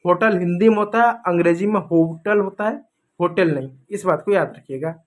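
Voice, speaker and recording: A man's voice: high voice, normal speed. A man from India teaching English pronunciation, drilling each word over and over in a teasing, scolding way. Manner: repetitive, drilling words over and over. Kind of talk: classroom lesson.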